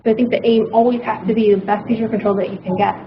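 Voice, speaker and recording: A woman's voice: on the high side, fairly even intonation, very fast. A woman doctor speaking at a conference, hesitant, with frequent ums as she shares clinical lessons. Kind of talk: conference talk. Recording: muffled, noisy hall recording.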